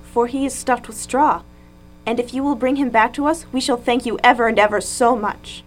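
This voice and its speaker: A woman's voice: fairly high pitch, steady tone, normal speed, slight background noise, voice pushed up, close to an everyday voice. A woman voicing an earnest, polite little girl in a children's storybook reading. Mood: eager, pleading.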